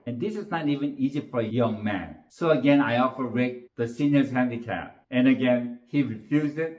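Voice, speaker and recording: A man's voice: medium pitch, roomy sound. A man who teaches shooting, narrating a match in an earnest, plain storytelling way, stringing his sentences together with "and". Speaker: shooting instructor.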